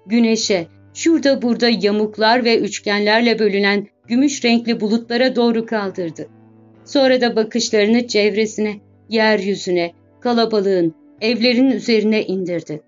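Female audiobook narrator, measured dramatic literary reading, mid-pitched voice; dull lo-fi track with faint music underneath.

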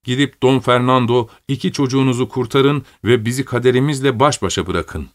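A man's voice: mid-range voice, fairly quick, natural voice. A man voicing a frightened young noblewoman who pleads urgently in a storybook reading. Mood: desperate.

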